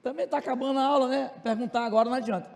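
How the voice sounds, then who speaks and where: A man with a Tocantins Brazilian accent teaching a class in a joking way, talking loud and fast with asides to his students. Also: extremely high pitch, steady tone, gravelly. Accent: Brazilian Portuguese, Tocantins region. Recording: long reverb of a classroom.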